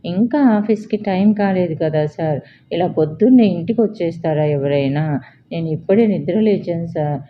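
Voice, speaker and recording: A woman reading as a distraught young woman in an audiobook drama, her voice low and pleading turning to accusation. The sound is a little dull and lo-fi, with a faint hiss behind. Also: normal speed, natural voice. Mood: sleepy annoyed. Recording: slightly dull lo-fi.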